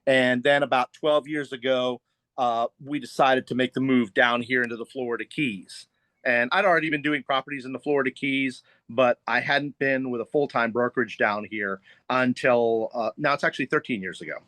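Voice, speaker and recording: A man's voice: medium pitch, fairly even intonation, normal speed, a bit bright, no room sound. A middle-aged man, a real estate agent, explaining at ease with fillers as a podcast guest. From United States. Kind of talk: podcast interview.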